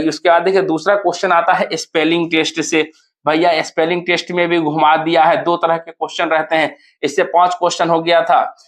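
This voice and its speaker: Coaching teacher, male, high-pitched, Bihari Hindi accent; self-questioning promo lesson, slows on key words. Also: a bit bright. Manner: asks and answers his own questions, slows to repeat key words. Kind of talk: promotional exam-prep lesson.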